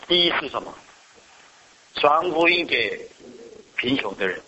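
A man's voice: medium pitch, sing-song, a little slow, pushed and bright, muffled recording, a little hiss or hum. A man preaching a sermon as pastor, often asking the congregation questions and answering them himself.

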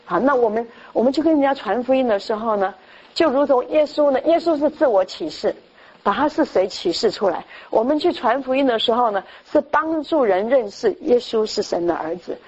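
Older lady giving a sermon, acts out the dialogue, kinda husky, muffled lo-fi sound. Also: on the high side, lively intonation, brisk, a little mellow. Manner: storytelling, acts out quoted dialogue. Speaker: preacher.

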